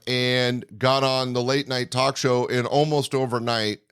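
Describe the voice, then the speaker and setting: A man's voice: mid-range voice, level tone, measured pace, a bit bright, clear, resonant tone, dry recording, clean studio sound. A man hosting a conversational podcast interview in an effusive, complimentary manner.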